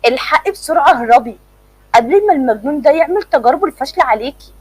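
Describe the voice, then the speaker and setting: A woman's voice: high-pitched, lively intonation, racing, a little mellow, no echo, low-quality recording. A woman voicing a dazed older mother-in-law, confused and urgent.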